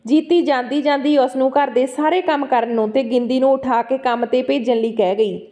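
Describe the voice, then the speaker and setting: A woman's voice: high voice, steady tone, normal speed, warm tone. A woman with a Punjabi accent reading a story aloud as narrator, voicing the dialogue along with the narration.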